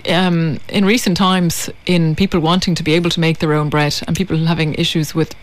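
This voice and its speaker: A woman's voice: sits low, little pitch movement, brisk, dry recording. Female guest, explanatory, hesitant delivery, casual studio chat. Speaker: baking guest. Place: radio studio.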